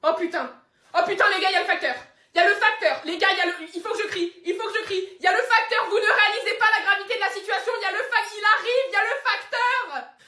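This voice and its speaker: A needy, barking-mad pet dog in a comedy sketch, as a woman puts it on, shrill and urgent. The voice is high and bright. The room gives an echo. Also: a little fast, pauses often. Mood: frantic. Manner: frantic, shouting and pleading.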